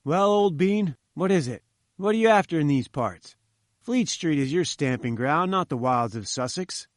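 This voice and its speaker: A man's voice: a little high, animated, normal speed, no room sound, studio quality, lightly acted. A man doing a breezy, confident journalist. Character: confident good-humoured male journalist.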